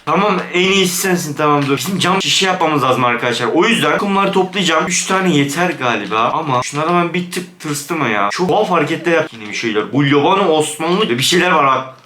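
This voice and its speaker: A man commentating a Minecraft let's play, jumpy and excitable, dropping to hushed, scared whispers. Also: a little high, brisk, few pauses, echoey room, a little hiss or hum. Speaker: gaming YouTuber.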